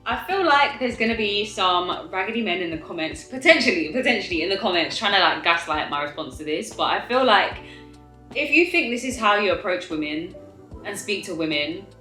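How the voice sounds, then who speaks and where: A young woman telling a story to viewers in a casual, animated, emphatic way, with exasperated rhetorical questions and drawn-out words. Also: medium pitch, roomy sound, soft background music, low-quality recording. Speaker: storytime vlogger eating on camera.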